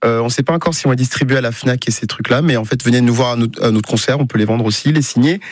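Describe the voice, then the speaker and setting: A man's voice: medium pitch, quick pace, no room sound, studio quality. A man speaking informally and enthusiastically as a musician in a casual radio interview. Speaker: band musician, interview guest.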